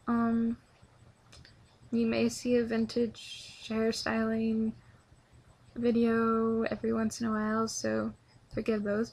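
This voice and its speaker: A woman's voice: on the high side, gravelly, darkish tone, a little hiss or hum. A young adult woman talking to camera in a casual, rambling video blog, eager and full of ums and restarts. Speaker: video blogger. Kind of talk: casual vlog monologue.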